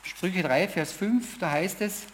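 A middle-aged man gives a sermon in a loose, personal testimony style. His voice sits fairly high for a man, and he often pauses, repeats words and restarts as he speaks. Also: lively intonation, a little hiss or hum. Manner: informal storytelling, with hesitations and repeated phrases. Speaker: preacher.

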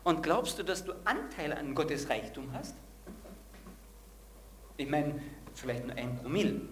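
A man's voice: on the high side, expressive, unhurried, a bit bright, a little hiss or hum. A man preaching a sermon and asking the congregation direct questions.

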